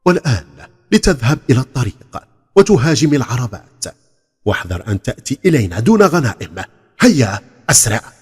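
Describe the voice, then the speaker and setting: Man acting storybook bandit chief, commanding, menacing, declamatory, husky, reverberant. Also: fairly low pitch, sing-song, fast. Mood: urgent, commanding. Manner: bossy, emphatic, declamatory. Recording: long hall reverb on the voice.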